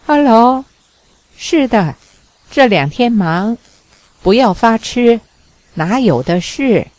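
A woman reading the lines of a smooth-talking bachelor on the phone, coaxing and then firm. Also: mid-range voice, expressive, slow, darkish tone, no echo.

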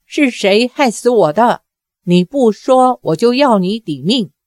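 A woman's voice: fairly high pitch, expressive, unhurried, darkish tone, no room sound. A fierce young swordsman barks out harsh demands, as a woman narrator puts him on. He sounds desperate and enraged. The dry, close sound gives it no room around it. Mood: furious.

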